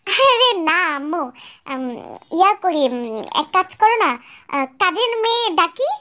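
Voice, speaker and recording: একজন নারী কণ্ঠ দিচ্ছেন এক আদুরে তরুণ স্বামীর চরিত্রে, যে বউকে নরম সুরে ভুলিয়ে-ভালিয়ে কথা বলে। গলাটা খুব উঁচু আর মোলায়েম।. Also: female voice, very high voice, very animated, unhurried, full character voice. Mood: coaxing. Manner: soft, coaxing, sweet-talking. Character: doting young husband, younger son. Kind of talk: fan-dub radio drama.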